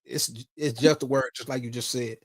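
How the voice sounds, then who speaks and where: A man's voice: mid-range voice, fairly even intonation, moderate pace, dry recording, clean studio sound. A man from Ohio in casual conversation, laid-back, swearing freely and trailing off into asides. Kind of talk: casual chat.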